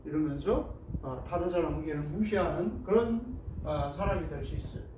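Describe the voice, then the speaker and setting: A male pastor preaching a sermon, telling the story in a lively way and acting out the voices of the people in it. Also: fairly high pitch, moderate pace, distant mic, slight background noise. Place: church sanctuary. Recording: echoey hall, mic from afar.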